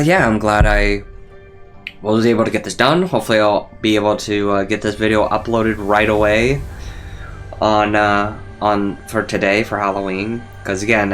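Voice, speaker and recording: A man's voice: fairly low pitch, fairly bright tone. A man giving casual let's play commentary, rambling and thinking aloud in loose asides. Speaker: gaming video host. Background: faint game music.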